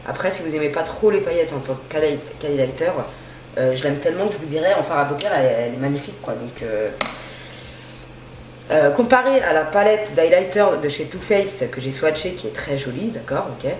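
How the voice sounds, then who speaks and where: A woman's voice: low voice, expressive, fairly quick, a little mellow, slight background noise. Slangy, chatty woman in an echoey room. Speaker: beauty vlogger. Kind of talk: casual makeup tutorial chat. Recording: roomy echo.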